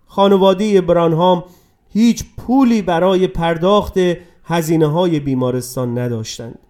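A man narrating a dramatic story in a scripted reading, dropping to a hush and rising with emotion. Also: fairly high pitch. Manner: dramatic, swings between hushed and raised voice.

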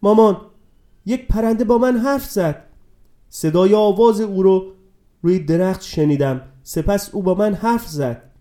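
A man reading a storybook, voicing an excited three-year-old boy who pleads with his mother. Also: natural voice. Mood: eager, pleading. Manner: high, eager and pleading.

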